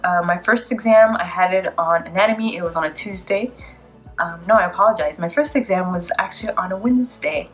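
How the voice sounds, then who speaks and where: Soft music plays behind a vlogger in her twenties, a PA student with a cold-congested voice, as she chats casually and a little wearily to camera. Her pitch is fairly low and her pace a little fast.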